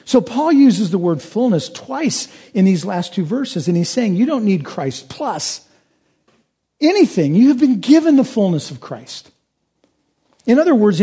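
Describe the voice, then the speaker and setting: A man in the pulpit delivering a sermon, his voice fairly high for a man. The tone is mellow and a little husky. He preaches earnestly and swells into emphatic high points. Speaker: pastor.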